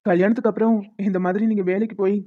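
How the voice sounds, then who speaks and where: A woman's voice: medium pitch, steady tone, natural voice. A woman voicing a confident young man who speaks frankly as a suitor in a cartoon. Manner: direct, quick, frank. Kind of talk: cartoon voice acting. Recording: dull lo-fi sound with faint music.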